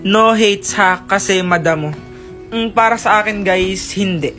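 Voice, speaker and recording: A man's voice: high voice, unhurried, sharp tone, soft background music. A man with a Southern Tagalog accent vlogging casually to camera and to a child in a playful, teasing, exclamatory way.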